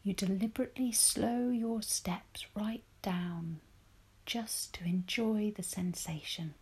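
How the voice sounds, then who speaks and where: Female meditation guide: hushed, airy spa whisper, leisurely and soothing, leaving long pauses between gentle instructions. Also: medium pitch. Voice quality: breathy, whispery.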